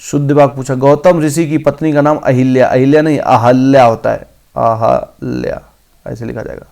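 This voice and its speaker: Male teacher, exam-prep grammar lesson, slow read-outs then corrections, mid-pitched voice. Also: fairly even intonation, vocal fry, warm tone. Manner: reads each option aloud slowly, then corrects it.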